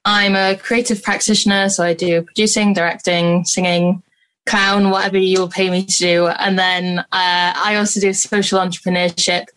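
A woman's voice: on the low side, flat delivery, moderate pace, fairly bright tone, smooth, poor audio. A woman from Wales with a Welsh accent, introducing herself informally. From Swansea, Wales. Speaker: creative practitioner in a discussion.

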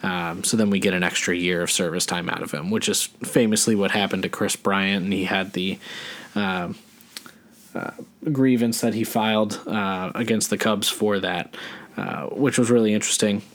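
A man's voice: deep voice, fairly even intonation, moderate pace, fairly bright tone. A man co-hosting a podcast, talking sports in a rambling, casual way with lots of fillers and restarts. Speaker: podcast co-host.

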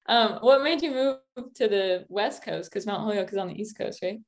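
A teenage student journalist asking interview questions in a hesitant, measured way. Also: female voice, mid-range voice. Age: teens.

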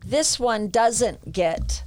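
A woman's voice: fairly high pitch, lively intonation, drawn-out words, over music. A woman co-hosting a podcast, chatting casually and candidly in a wry tone. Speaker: podcast co-host.

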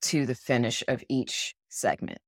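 Low-voiced woman telling a lively story. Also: measured pace, breathy edge, no echo, studio quality. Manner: animated, acts out other people's words; frank, swears casually. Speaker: podcast co-host. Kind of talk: casual storytelling.

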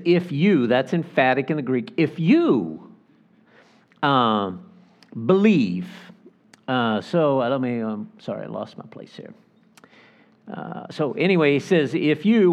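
A man preaching an expository sermon as pastor, talking in a conversational way with fillers and restarts, and pushing his voice up on key words. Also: mid-range voice. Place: church sanctuary.

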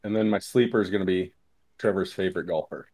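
A man with a fairly low voice talks in a casual podcast chat, hesitant and unhurried. His sound is dry and close. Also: a little mellow, husky, no echo.

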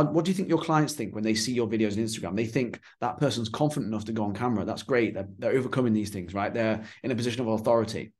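Fast-talking blunt male podcast host. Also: lowish voice. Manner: blunt and animated, swears freely. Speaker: podcast host and fitness business coach. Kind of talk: casual podcast conversation.

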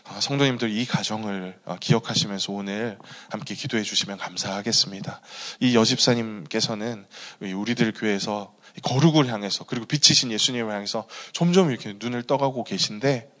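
A man's voice: on the low side, fairly quick, hardly any pauses, fairly bright tone, in a large hall. A male pastor preaching a sermon and telling a personal story in an earnest way. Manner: earnest storytelling, many fillers.

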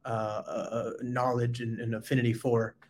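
Guy hosting a tech livestream, gets excited, trips over his words a lot. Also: mid-range voice, normal speed. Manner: excitable, stumbling restarts and laughs. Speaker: podcast host. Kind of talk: casual livestream chat.

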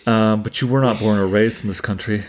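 Low-voiced man musing through a book. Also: steady tone, a little fast. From Canada. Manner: musing, thinks aloud with restarts. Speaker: podcast co-host. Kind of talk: casual book discussion.

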